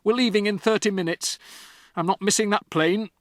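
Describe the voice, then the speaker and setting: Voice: medium pitch, moderate pace, no echo, clean studio sound, pitched above the performer's own voice, natural voice. A storybook narrator voicing an impatient, bullying father who barks curt orders. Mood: snapping.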